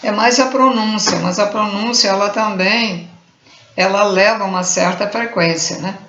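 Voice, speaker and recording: A Brazilian woman giving an informal spiritual talk, chanting mantras slowly as examples and groping for words she has forgotten. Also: mid-range voice, noisy background. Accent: Brazilian Portuguese. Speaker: spiritual teacher. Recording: roomy, muffled home recording.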